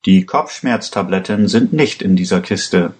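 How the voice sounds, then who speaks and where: A man's voice: low-pitched, unhurried, a little mellow, breathy edge. A man reading a story aloud, voicing an armed man who speaks curtly and threateningly. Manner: curt, threatening. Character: tense armed man in brown shoes.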